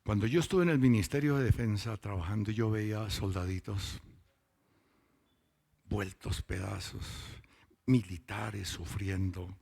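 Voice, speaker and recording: Guy giving a testimony sermon, husky gravelly voice, stretches words out to hit them hard. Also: fairly low pitch, a little mellow. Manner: storytelling, drawn-out emphatic words. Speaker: lay preacher giving testimony. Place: church meeting.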